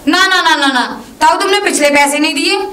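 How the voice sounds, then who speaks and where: A woman's voice: very high voice, brisk, sharp tone, echoey room, slight background noise. Woman as a feisty young village woman. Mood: defiant. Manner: argumentative, insistent.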